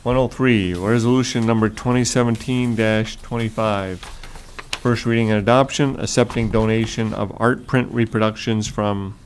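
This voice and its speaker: A man chairing a public board meeting who reads agenda items aloud in a formal, halting way with frequent fillers. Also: on the low side, fairly even intonation, slight background noise. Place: meeting room.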